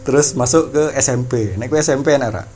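Young man, Javanese accent, teasing co-host, mid-pitched voice, faint music underneath. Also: darkish tone. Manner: teasing, encouraging, quick back-channel replies. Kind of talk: casual chat.

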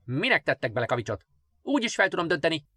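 A man's voice: fairly high pitch, big pitch swings, pushed and bright, no echo, voice pushed up, heavily acted. A man voicing a grumpy, lonely little brown fairy who grumbles and sulks, in a storybook reading. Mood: grumbling. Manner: sulky, grumbling.

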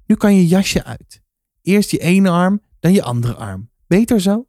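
A man reading aloud voices a tough teenage girl speaking softly and tenderly to a small child in a storybook. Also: sits high, big pitch swings, measured pace, dry recording, clean studio sound, voice pushed up. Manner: soft, hushed.

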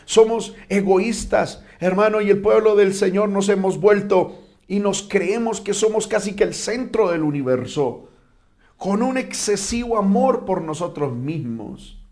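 Male preacher-teacher, slightly high voice, fervent, halting delivery full of "amen" and "brother". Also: expressive. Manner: repeats "amén" and "hermano", stumbles and restarts often; emphatic on key words, drops low and soft on solemn points. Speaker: preacher teaching a Bible class. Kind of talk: sermon-style Bible teaching.

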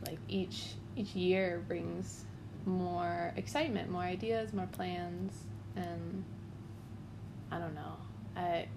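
A woman in her twenties chats casually and cheerfully, laughing often, in a low, gravelly, steady voice at a slow pace. The recording carries noisy background hiss, and a dog can be heard chewing a bone.

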